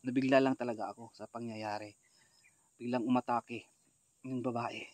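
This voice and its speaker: A man hosting a ghost-hunting vlog, talking straight to his viewers and swinging from hushed, nervous asides to loud, alarmed shouting. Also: medium pitch, little pitch movement, normal speed, no room sound. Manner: talks straight to viewers as "idol". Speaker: ghost hunter vlogger.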